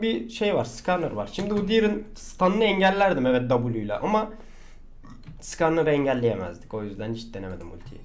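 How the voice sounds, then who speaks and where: Man, gameplay commentary, excitable, shouts and swears, very lively pitch. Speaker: gaming channel host.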